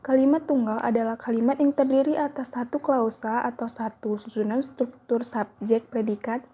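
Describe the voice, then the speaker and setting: Over tinny, phone-quality audio, a young woman studying at university carefully reads through a grammar lesson. Her voice is fairly high and husky, her pacing steady, with the occasional small slip.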